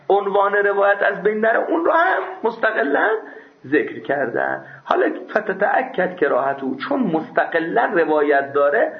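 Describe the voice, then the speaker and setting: A man teaching a seminary class. He reads classical quotes slowly, then explains them in a lively, chatty way with jokes. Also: a little high. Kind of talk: classroom lecture on a religious law text. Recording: roomy, dull lo-fi recording.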